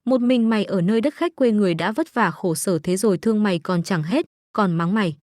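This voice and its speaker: A woman's voice: mid-range voice, a little fast, darkish tone, no echo, studio quality, natural voice. A woman reading the part of a tired, loving country mother who speaks soothingly and sorrowfully. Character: weary, loving middle-aged rural mother.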